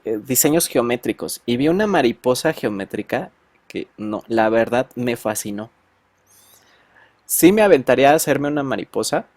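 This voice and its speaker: A man's voice: medium pitch, a little mellow, dry recording. A man with a Mexican accent, a teacher chatting casually with his students and telling slangy stories full of fillers.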